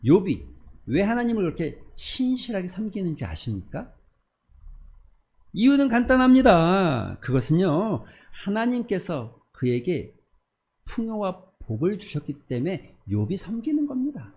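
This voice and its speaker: A scheming male Satan who lays out his case slyly and politely, as a preacher puts him on. The delivery is animated, with a wide pitch range. The voice is a bit high for a man. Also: a little slow, heavily acted.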